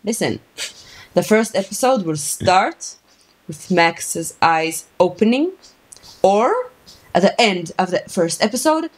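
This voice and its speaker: A woman's voice: medium pitch, expressive, takes it slowly. A young woman in casual reaction chat, informal and repeating words for emphasis as she talks. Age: young adult. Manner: informal, emphatic repetition, filler "like". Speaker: reaction video co-host. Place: small room at home, indoors. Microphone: shared microphone on a boom arm in front.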